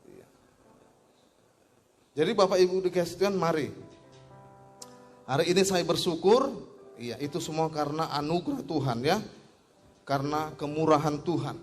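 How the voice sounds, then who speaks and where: A male pastor preaching a sermon in a church service, telling homely stories and swinging from loud exhortation to hushed asides. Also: on the high side, long reverb tail. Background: instrumental music.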